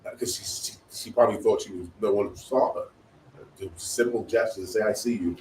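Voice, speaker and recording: A man's voice: fairly low pitch, fairly even intonation, quick pace, a little mellow. A man as a guest speaker on a spiritual talk show, telling stories in an earnest way and repeating phrases as he goes. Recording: roomy, distant mic, faint noise.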